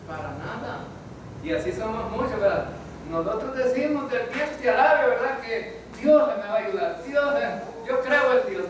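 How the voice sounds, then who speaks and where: A man's voice: very high-pitched, a little hiss or hum. A man preaching a Bible study sermon as pastor, often asking the congregation questions. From El Salvador. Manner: asks the congregation questions, repeating "¿verdad?". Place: church. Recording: echoey church hall, mic at a distance.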